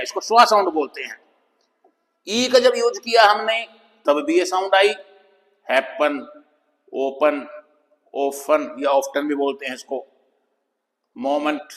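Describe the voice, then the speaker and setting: Patient teacher, man, reverberant room. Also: fairly bright tone. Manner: patient, repeats example words slowly, drops pitch on model words. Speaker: English pronunciation teacher. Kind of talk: explanatory lesson.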